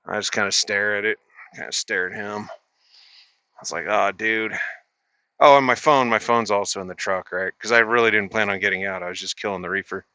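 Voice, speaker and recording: A man's voice: lowish voice, a little fast, bright, forceful tone, dry recording. A middle-aged man, a truck driver, casually telling a story in a laid-back, profane, rambling way with restarts.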